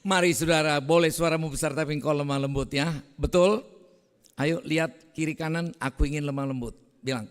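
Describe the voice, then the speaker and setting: A man preaching a sermon, with a big voice that drops to hushed prayer. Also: fairly high pitch, fairly even intonation, a little fast, smooth. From North Sumatra. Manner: loud voice, swings from hushed prayer to fervent exhortation. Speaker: evangelist preacher. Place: church hall. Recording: reverberant church hall.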